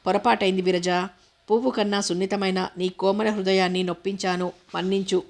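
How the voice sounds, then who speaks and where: A woman voicing a young man in a storybook reading, a remorseful and exasperated lover, with a level, low-key delivery. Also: steady tone, fairly quick, natural voice. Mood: apologetic.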